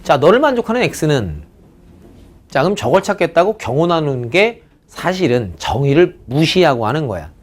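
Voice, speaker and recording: A lively male math teacher with a high voice that swoops up and down. He stretches out key words and keeps checking that the class is following. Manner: animated and drawn-out, stretches words for emphasis, constant "그지?" and "오케이?" check-ins. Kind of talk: recorded online math lecture.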